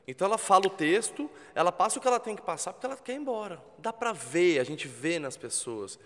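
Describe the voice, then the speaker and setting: Calm Brazilian man, slightly high voice. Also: fast, in a large hall. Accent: Brazilian Portuguese. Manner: calm, explanatory, coaching tone. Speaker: podcast guest, TV presenter. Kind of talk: casual interview talk. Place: podcast studio with spotlights.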